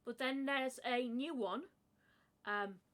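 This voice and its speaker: A woman's voice: sits high, takes it slowly, a bit bright. A woman chatting casually on a podcast, hesitant, with many ums and frequent laughs. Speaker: podcast co-host. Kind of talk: casual chat.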